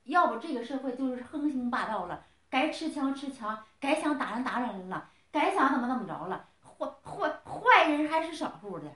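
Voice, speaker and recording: A woman's voice: high-pitched, big pitch swings, moderate pace, fairly bright tone, echoey room. A middle-aged woman scolding someone in a heated family argument, lecturing and firing off repeated questions.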